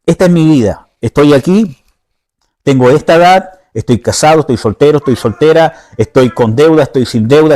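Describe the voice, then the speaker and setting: A man's voice: medium pitch, a little mellow. A man giving an informal teaching sermon, often checking in with his listeners and searching aloud for words. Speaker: preacher.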